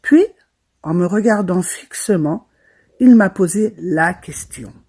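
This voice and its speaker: Young woman, horror storytime narrator, first person, dramatic, lively. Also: on the low side, takes it slowly, husky. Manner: dramatic, lively retelling with quoted voices.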